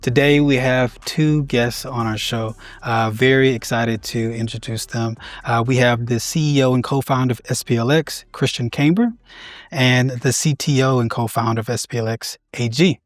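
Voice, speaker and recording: A man's voice: medium pitch, fairly even intonation, normal speed, no echo. A man hosting an interview podcast, upbeat and friendly with short affirmations. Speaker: podcast host.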